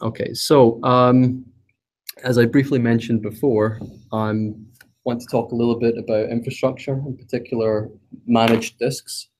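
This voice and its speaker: At a meetup that's streamed online, a presenter with a Scottish accent gives a technical talk in a medium-pitched, darkish voice with fairly even intonation and normal speed. He sounds unsure, uses plenty of fillers, and teases himself now and then.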